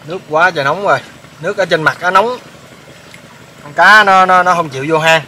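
A man's voice: high voice, brisk, pushed and bright, slight background noise. A man with a Southern Vietnamese accent hosting a casual outdoor cooking vlog, chatty and full of hesitation fillers. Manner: chatty, lots of hesitation fillers, laughs easily. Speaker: channel host.

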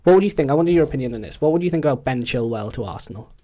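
A young man, chatting casually about football as a podcast co-host, animated and slangy. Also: medium pitch, rapid-fire.

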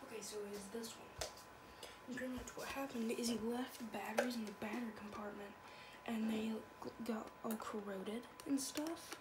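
Sitting at a home computer, a female video blogger rambles and repeats herself in casual chat while browsing the web. Her voice is on the high side with fairly even intonation and a moderate pace, captured in a noisy amateur home recording.

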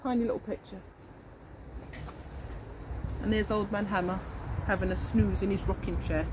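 A middle-aged woman reads with expression to young children in a leafy outdoor garden, acting as their teacher, speaking directly to them and asking them questions. Her mid-range voice holds a steady tone at a moderate pace, with background noise present.

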